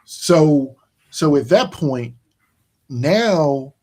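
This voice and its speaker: A podcast host, male, with a somewhat high, expressive voice and a darkish tone rambles through a casual sports chat. He sounds tired and yawns, restarting sentences and piling on fillers while landing his points slowly and emphatically.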